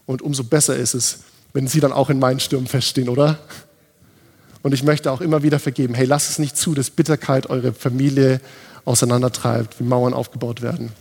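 Husky-voiced preacher man in a reverberant hall. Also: medium pitch, flat delivery, brisk, darkish tone. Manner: urgent, direct address to the congregation. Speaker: pastor. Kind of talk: sermon. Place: church hall with an audience. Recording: long hall reverb, faint music behind.

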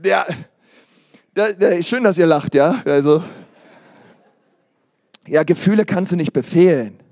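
A man preaching a sermon in an animated, emphatic way, with sudden loud exclamations. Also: a little high, a little slow, dry recording, studio quality.

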